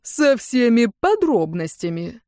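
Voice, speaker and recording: A woman's voice: mid-range voice, sing-song, a little slow, darkish tone, no room sound, studio quality. A woman reading a storybook, voicing a cheeky young male cat familiar with a lazy, teasing drawl.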